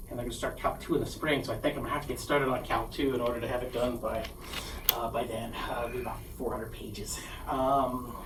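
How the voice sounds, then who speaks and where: A presenter giving a casual conference presentation, halting and self-deprecating, recorded in a presentation room. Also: mid-range voice, a bit bright. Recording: echoey room, distant mic, faint noise.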